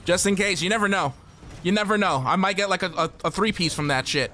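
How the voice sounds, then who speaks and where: A young man with a slightly high, very bright and forceful voice gives live gameplay commentary from his home setup. He is excitable and swears casually, chatting to his viewers and teammates as he plays. A faint hiss sits underneath. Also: fast. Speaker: gaming streamer.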